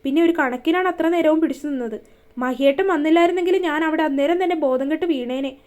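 A woman's voice: high-pitched, fast, darkish tone. A woman reading a romance story aloud, voicing every character's dialogue in her own voice. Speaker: narrator.

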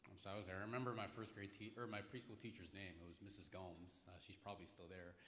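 A man in his thirties, a pastor from the Philippines, telling his story in a relaxed way with many fillers, speaking on a church stage into a handheld mic. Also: low voice, quick pace. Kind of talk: answering questions on stage. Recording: echoey hall with long reverb.

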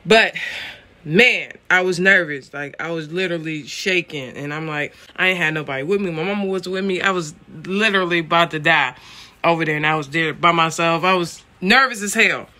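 Bright-voiced chatty young man vlogging. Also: on the high side, moderate pace. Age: late 20s. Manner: chatty, animated, addresses viewers as y'all. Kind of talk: casual vlog chat to viewers.

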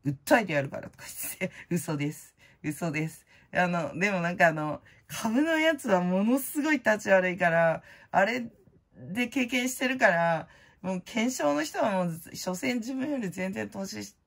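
A middle-aged woman hosting her own channel, chatting casually in a blunt, slangy way full of fillers, and loud-voiced by her own account. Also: medium pitch, expressive, unhurried, gravelly. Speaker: prize-winning vlogger host. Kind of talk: casual chat.

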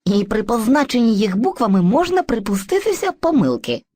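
A woman's voice: a little high, big pitch swings, fairly quick, dark tone, dry recording. A woman voicing Surzhyk, an eager, muddled boy who is personified mixed speech, in an educational cartoon, boastful and hesitant by turns. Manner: boastful, hesitant, playfully theatrical.

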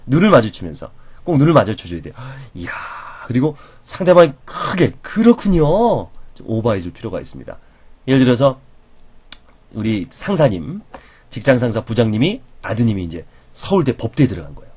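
A male professor teaching a lecture in a slightly husky voice that swings up and down in pitch all the time. He is animated and acts out everyday reactions as he explains them. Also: fairly quick. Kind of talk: lecture on conversation skills.

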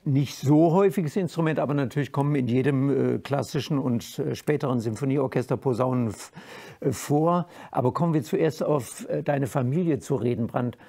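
An older man hosting a formal interview in a studio, speaking in a measured way with frequent fillers. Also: medium pitch, vocal fry, mellow. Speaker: host, interviewer. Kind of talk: moderated interview. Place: dark studio stage, indoors.

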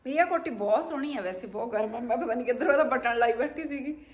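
High-pitched, dramatic Punjabi woman vlogger. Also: quick pace, husky. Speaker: family vlogger. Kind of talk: casual farm-chore chat.

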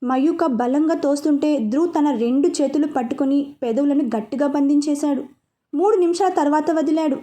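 A woman narrating a romance story serial in a steady, expressive way. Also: high voice, moderate pace.

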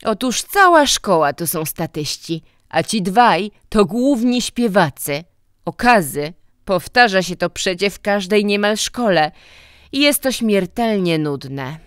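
A woman's voice: medium pitch, lively intonation, takes it slowly, smooth, no room sound, clean studio sound, pitched above the performer's own voice. A woman reading a story voices a stern, mocking middle-aged man, a school director who scolds and lectures. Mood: scornful.

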